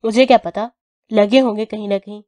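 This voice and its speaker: A woman reading an audio novel, voicing a cruel young male crime boss who is stern and commanding, in a clipped, forceful way. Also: medium pitch, fairly even intonation, no room sound, close to an everyday voice. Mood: teasing. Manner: stern, clipped, louder than the narration.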